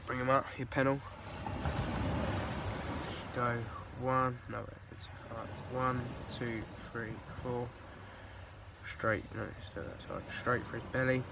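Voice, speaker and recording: A young male angler with a bunged-up nose, calmly explaining how he baits a hook on a beach at night. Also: mid-range voice, slow pace, gravelly. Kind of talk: casual how-to demonstration. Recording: noisy outdoor night beach.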